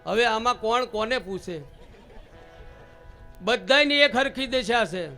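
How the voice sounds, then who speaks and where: High-voiced stage comedian. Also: male voice, soft background music. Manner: lively storyteller who breaks into drawn-out singing of devotional lines. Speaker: stage comedian telling jokes. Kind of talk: live Gujarati folk comedy storytelling.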